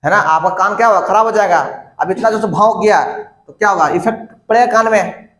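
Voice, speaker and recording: A man's voice: high voice, brisk, fairly bright tone. A male teacher giving a classroom lecture, repeating and dictating terms to his students and asking them questions. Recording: echoey classroom.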